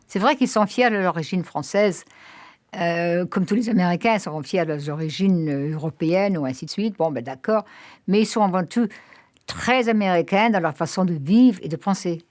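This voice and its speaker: A woman speaking in an interview in a chatty, relaxed way. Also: on the low side, normal speed, no echo.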